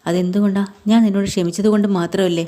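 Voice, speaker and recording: A woman's voice: medium pitch, fairly even intonation, rapid-fire, dark tone, lightly acted. A woman voicing a stern, wounded husband who feels betrayed, reading his lines in her own voice.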